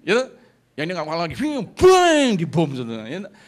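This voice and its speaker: Animated middle-aged pastor preaching. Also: male voice, fairly high pitch, rapid-fire. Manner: animated preaching, acting out scenes with sound effects. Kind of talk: sermon.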